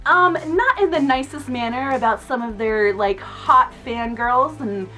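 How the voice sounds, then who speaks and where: A young adult woman, a makeup artist, telling a casual storytime on her vlog in an outspoken, animated way, laughing often. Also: a little high, measured pace, faint music behind.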